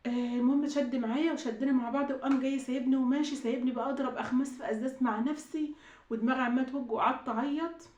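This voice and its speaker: A woman's voice: sits high, steady tone, very fast, darkish tone, reverberant, lo-fi sound. A woman with an Egyptian Arabic accent tells a personal story to her viewers. She sounds upset and choked up, pleads, and repeats herself. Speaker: YouTube vlogger. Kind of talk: emotional storytime vlog.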